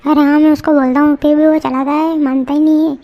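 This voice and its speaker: A woman's voice: high-pitched, flat delivery, quick pace, dull audio. A woman voicing a fussy grown-up male customer in a cartoon, who lectures and complains. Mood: preachy.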